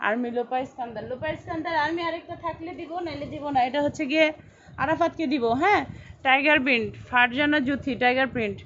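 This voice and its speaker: A woman sells clothes on a live stream, chatting, repeating sizes, and reading out buyer names. Her voice is high-pitched and a bit bright, and she talks fast. The stream sounds dull and lo-fi with faint noise.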